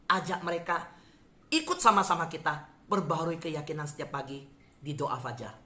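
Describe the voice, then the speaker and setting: A man's voice: on the high side, moderate pace, bright, forceful tone, echoey room. A man preaching a sermon and sharing a personal testimony in an earnest, conversational way, speaking directly to his listeners.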